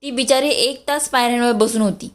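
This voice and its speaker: Woman doing a gentle young husband. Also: a little high, fairly quick, close to an everyday voice.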